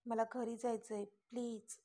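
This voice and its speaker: Lady reading a flustered irritated young woman, stammery, highish voice. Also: little pitch movement, a little slow, dark tone.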